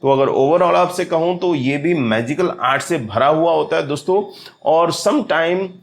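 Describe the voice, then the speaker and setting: A man teaching literary terms to exam students, often calling his viewers friends and reading English definitions out slowly. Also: on the high side.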